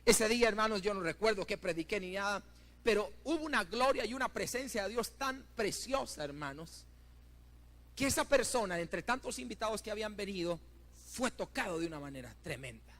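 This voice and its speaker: Fervent high-voiced pastor preaching. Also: male voice, expressive, fairly quick. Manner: fervent storytelling, swinging between loud peaks and hushed asides; keeps addressing the congregation as brothers. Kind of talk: sermon. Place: church building.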